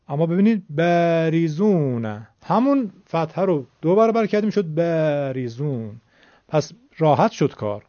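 A man giving a lesson on Quran recitation, explaining vowel sounds and stretching them out slowly to demonstrate. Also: fairly high pitch, dark tone, no room sound, muffled recording. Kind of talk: classroom lecture.

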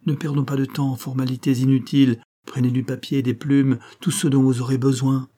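A man voicing an excitable male government minister in an audiobook, with an emphatic, agitated delivery. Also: medium pitch, a little fast, voice pushed up, close to an everyday voice. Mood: formal. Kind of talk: audiobook character reading.

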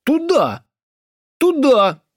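A man voicing an excitable, simple-minded young village lad who shrieks and repeats his words like a cawing crow. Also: very slow, dry recording, clean studio sound, exaggerated voice. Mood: shrieking. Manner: shrill crowing shouts, repeats words.

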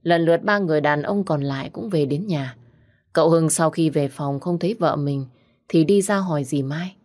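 A woman narrating a storybook tale in a measured, calm way. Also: low-pitched.

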